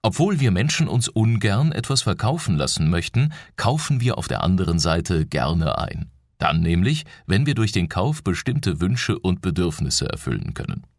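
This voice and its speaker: A man's voice: sits low, very animated, normal speed, dry recording, clean studio sound. A man giving a persuasive, instructive, scripted narration of a self-help audiobook.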